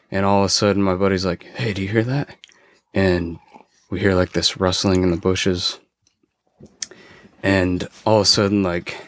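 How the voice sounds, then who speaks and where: A man on a podcast, a former forest ranger, casually telling a story with frequent swearing and halting restarts. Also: lowish voice, clean tone, no echo, clean studio sound.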